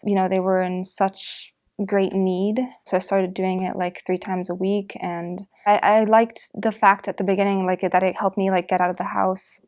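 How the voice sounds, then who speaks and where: A high school senior girl talking casually in an interview, full of "like" fillers. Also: a little mellow. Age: teens. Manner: chatty, many "like" fillers. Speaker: interviewee, student volunteer.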